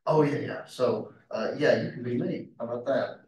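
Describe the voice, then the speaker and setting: A man's voice: medium pitch, moderate pace, a little mellow. A man casually hosting a math club session and introducing the next speaker, offhand and full of fillers. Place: classroom. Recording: echoey room, mic far off, faint noise.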